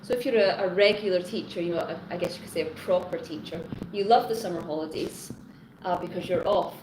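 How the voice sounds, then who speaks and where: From her home in Hong Kong, a teacher hosts a casual live stream on her phone's front camera, chatting with viewers, rambling, restarting sentences and greeting commenters by name. Her voice sits on the low side and moves briskly. The room is echoey, with background noise.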